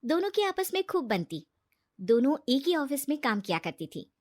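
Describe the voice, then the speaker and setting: A woman tells a short moral story in plain, scripted narration. Her voice sits high and her delivery stays even. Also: normal speed.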